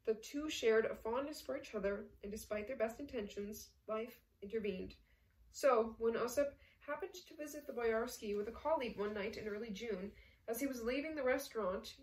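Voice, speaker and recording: A woman narrating a novel with smooth, measured pacing and a somewhat high voice. The recording sounds a little distant, as if the microphone sits back from her. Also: a little mellow, roomy sound. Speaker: audiobook narrator. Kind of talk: scripted narration.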